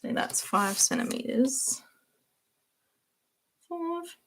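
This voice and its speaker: A woman's voice: sits high, animated, extremely slow, a bit bright, slight background noise. A young woman hosting a casual livestream, chatting and laughing while she answers viewers by name as she works. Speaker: livestream host.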